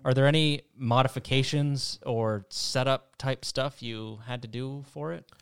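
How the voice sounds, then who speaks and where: A man's voice: mid-range voice, fairly even intonation, unhurried, clean tone. A man hosting a podcast, asking a farmer straightforward questions with the occasional light joke. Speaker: podcast host. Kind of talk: interviewing.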